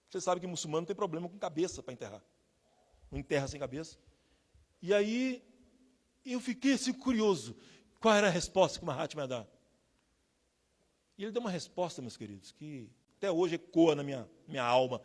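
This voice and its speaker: Man, preacher, sermon, high-pitched, emotional, loud-to-hushed delivery, reverberant theater hall. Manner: emotional, swings from loud emphasis to hushed storytelling.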